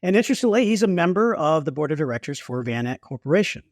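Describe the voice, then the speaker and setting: A man's voice: a little high, big pitch swings, fast, dry recording, studio quality. A man hosting a podcast, introducing his guest and asking curious, friendly questions. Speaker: podcast host. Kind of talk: podcast interview.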